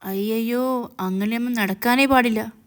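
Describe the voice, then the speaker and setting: A woman voicing a worried young woman in a TV serial retelling, musing aloud to herself. Her inner thoughts come out slightly higher, smooth and clear. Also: steady tone, normal speed, close to an everyday voice. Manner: musing, alarmed.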